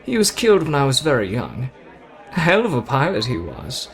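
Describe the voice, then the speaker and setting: Speaking straight to the listener in an ASMR roleplay, this man portrays a brash young Brit who brags, teases and hams it up with charm. The mid-range voice leaps hugely in pitch at a moderate pace, with vocal fry, background chatter and poor audio quality.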